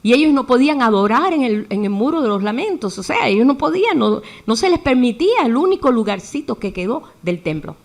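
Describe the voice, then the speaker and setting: Woman preacher, animated sermon delivery, voice on the higher side. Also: brisk, few pauses. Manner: lively, acts out quoted voices, chuckles while preaching.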